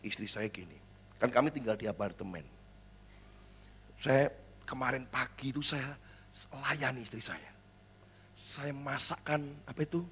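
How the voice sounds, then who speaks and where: A middle-aged pastor preaching a sermon in a church, swinging between loud exclamations and quiet, chatty asides, acting out little dialogues. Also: male voice, mid-range voice, a little slow, pauses often, a little hiss or hum.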